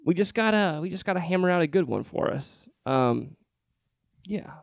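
Male comedy co-host, casual improvised banter, gravelly edge. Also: high voice, lively intonation, moderate pace, dry recording.

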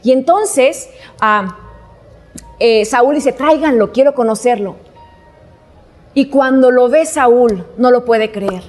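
A woman's voice: on the high side, lively intonation, slow pace, soft background music. A woman preaching a sermon, telling a Bible story and asking the listeners questions.

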